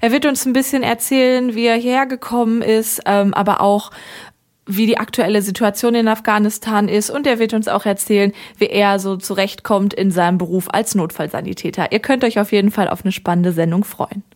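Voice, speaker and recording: A woman hosting a local radio interview, speaking in a friendly, clear way. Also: medium pitch, steady tone, a little fast, a little mellow. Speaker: radio host.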